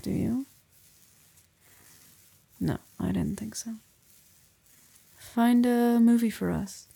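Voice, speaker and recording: A woman playing an affectionate young wife and mother, speaking softly and intimately, often in a whisper, in an ASMR roleplay close to the mic. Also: mid-range voice, heavily acted. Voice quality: breathy. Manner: soft, intimate, often whispered, with small laughs. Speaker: roleplay performer. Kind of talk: soft-spoken ASMR roleplay.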